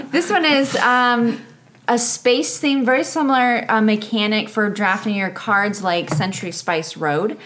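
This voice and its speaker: A woman's voice: on the high side, measured pace, a bit bright, a little hiss or hum. A woman co-hosting a board game podcast, explaining game mechanics steadily with fillers. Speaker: podcast co-host. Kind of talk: casual board game chat.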